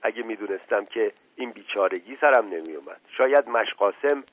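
A man's voice: fairly low pitch, expressive, breathy edge, no room sound. A man voicing a fussy widow who pleads with feigned grief, on a dull lo-fi recording. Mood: pleading. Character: fussy middle-aged widow, pleading and theatrical.

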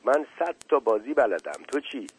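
A sweet little female sparrow, wounded and grateful, speaking in a soft, gentle way, as a man reads her part. The voice stays at a middle pitch and is lightly colored rather than fully transformed. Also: very animated, breathy edge, low-quality recording. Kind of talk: storybook character voice.

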